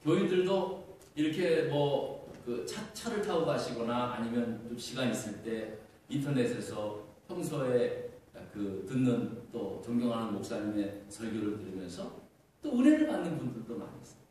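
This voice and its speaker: A man's voice: mid-range voice, big pitch swings, normal speed, mellow, a little hiss or hum. A middle-aged male pastor delivering an earnest sermon, asking rhetorical questions and using fillers. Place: church sanctuary. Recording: echoey church hall, far from mic.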